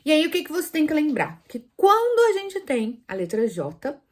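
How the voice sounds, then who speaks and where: Lively woman teaching, full of questions. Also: high voice, moderate pace. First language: Portuguese. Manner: lively, asks the viewer questions, demonstrates sounds. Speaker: Spanish teacher. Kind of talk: online language lesson.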